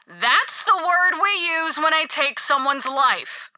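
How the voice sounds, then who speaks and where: A woman's voice: sits high, lively intonation, slow pace, pushed and bright, no room sound, heavily acted. A gleeful, cruel cult queen. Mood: condescending. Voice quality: mocking, sing-song and sweetly menacing. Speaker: cult leader God Queen. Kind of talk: video game voice acting.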